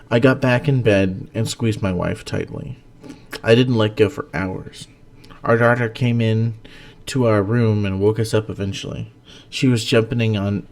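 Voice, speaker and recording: With a fairly low-pitched, somewhat dark voice, a man hosts story segments, giving each an earnest, dramatic reading and talking about them in a relaxed way.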